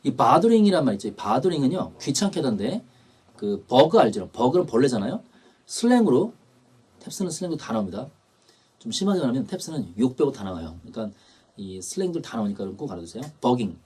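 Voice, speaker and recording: Husky male instructor, lively pitch. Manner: explanatory, repeats key terms, slows down to read English lines. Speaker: English test prep instructor. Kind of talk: lecture.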